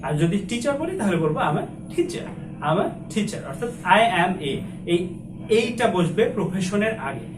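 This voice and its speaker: A man in his twenties from Bangladesh teaching a spoken English lesson, slowly drilling each phrase and repeating it for learners. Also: high-pitched, sing-song, roomy sound, distant mic, background noise. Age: 20s.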